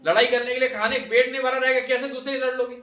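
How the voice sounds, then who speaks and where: A man's voice: extremely high pitch, little pitch movement, fast, bright, forceful tone. A man teaching a classroom, quizzing his students and repeating their answers back to them. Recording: echoey room, voice from a distance.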